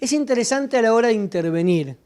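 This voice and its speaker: A woman with a Rioplatense Spanish accent lectures teachers at a literacy workshop, posing questions and answering them herself as she explains. Her voice sits on the high side, animated and warm, and she talks at a quick pace.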